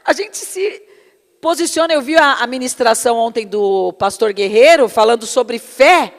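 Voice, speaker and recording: A woman's voice: on the high side, animated, normal speed, long reverb tail. A woman preaching a sermon with personal testimony, fervent and calling her listeners brothers and beloved.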